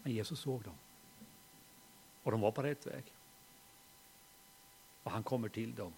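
A middle-aged man preaching a sermon and telling a personal story, moving from hushed reflection to loud, animated storytelling. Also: lowish voice, creaky, slight background noise.

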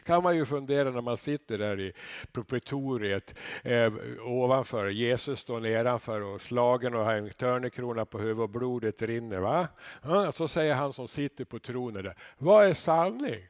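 A man preaching a sermon, dropping to low murmurs and rising to loud emphatic declarations, with conversational asides to his listeners. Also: dry recording, clean studio sound.

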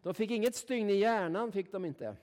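High-voiced, folksy Swedish-speaking preacher man. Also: a little mellow. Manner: folksy, emphatic, keeps asking "va?". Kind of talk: sermon.

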